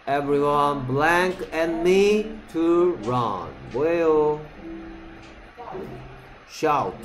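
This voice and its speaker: A man teaching an English lesson in a classroom, checking often whether students follow and reading example sentences out slowly. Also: a little high, a little mellow, low-quality recording. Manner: keeps checking understanding with short questions.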